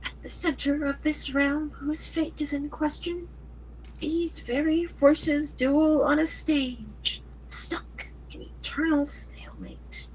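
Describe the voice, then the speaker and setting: A man's voice: very high-pitched, steady tone, takes it slowly, slight background noise, low-quality recording. A man putting on a doting, mysterious elderly grandmother spirit while reading a webcomic aloud, speaking theatrically and teasing sweetly. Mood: cryptic, grandmotherly.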